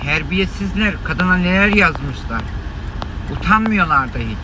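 A man live-streaming an indignant, scolding rant at his viewers from inside a car, his voice hoarse from shouting. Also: high voice, animated, a little slow. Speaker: livestreamer. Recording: loud car and street noise.

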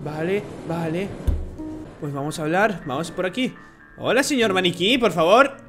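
A young man from Spain with a Spanish accent, commentating a horror game, jumpy, swearing and shouting when startled. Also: high-pitched, normal speed. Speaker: gaming YouTuber. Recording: game music behind voice.

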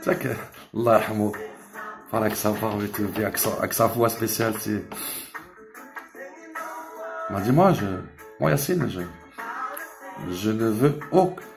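A man with a gravelly, creaky voice talks in a loose, rambling monologue. His speech is emotional and full of filler and curses, with Arabic religious phrases woven in. Faint music plays behind him. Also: on the low side, normal speed, pauses often. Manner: rambling, emotional, sprinkled with "tu sais" and swearing; mixes in Arabic religious expressions. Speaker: vlogger. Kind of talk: casual storytelling monologue.

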